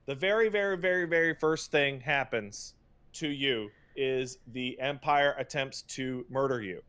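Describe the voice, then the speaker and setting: His voice is mid-range, clear and resonant with a fairly bright tone as the host rants about video games on his podcast. The rant is casual, emphatic and profane, stalling into repetitions and sneering paraphrases.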